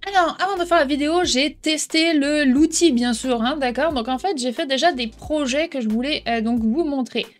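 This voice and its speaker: A woman hosting a casual software tutorial, explaining step by step and checking in with the viewer often. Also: sits high, moderate pace, hardly any pauses, soft background music. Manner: chatty, explains step by step, keeps asking "d'accord?". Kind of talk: casual screen-recording tutorial.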